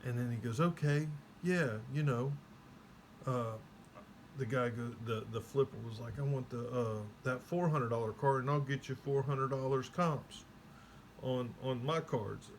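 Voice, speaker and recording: A man's voice: mid-range voice, fairly even intonation, unhurried, a little hiss or hum. A man giving a rambling, casual spoken recap, slipping into quoted voices as he tells it. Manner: rambling, acts out quoted people. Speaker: vlogger.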